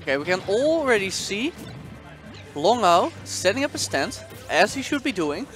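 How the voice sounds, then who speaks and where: A man commentates a fighting-game tournament live, walking through stage picks and tactics in a relaxed, chatty way. His voice sits high, and faint music plays in the background. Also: moderate pace. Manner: casual, analytical play-by-play with laughs. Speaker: esports commentator.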